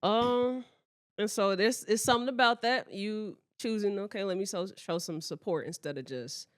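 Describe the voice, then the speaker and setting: A woman's voice: mid-range voice, moderate pace, no echo, studio quality. A woman hosting a podcast in casual chat who talks bluntly, swears freely and teases her guests with affection. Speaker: podcast host.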